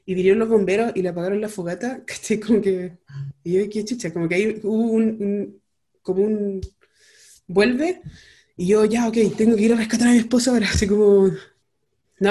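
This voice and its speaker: Chilean woman vlogger, casual slangy storyteller, mellow warm tone. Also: lowish voice. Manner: chatty, rambling, heavy slang and fillers.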